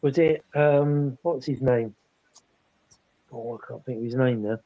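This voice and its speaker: A man's voice: medium pitch, unhurried, dark tone, no room sound, rough recording. A man on a paranormal panel, rambling through an investigation story in casual chat with many restarts and asides.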